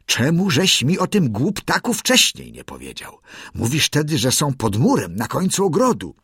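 A man voicing a brave male mongoose who talks in a brisk, commanding way. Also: a little high, wildly swooping pitch, fairly bright tone, slightly rough, no echo, studio quality, voice pushed up, heavily acted. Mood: urgent. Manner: urgent, commanding.

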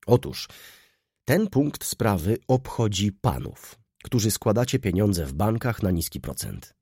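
Guy doing a calm confident merchant, measured and businesslike, husky low voice. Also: dry recording, studio quality, full character voice. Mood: assured.

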